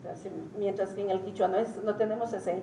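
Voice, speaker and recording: Halting woman lecturing in a roomy hall. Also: medium pitch, flat delivery, mellow. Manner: halting, frequent hesitations. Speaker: symposium speaker and Quichua teacher. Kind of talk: academic lecture. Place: conference hall. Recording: roomy hall, distant mic, faint noise.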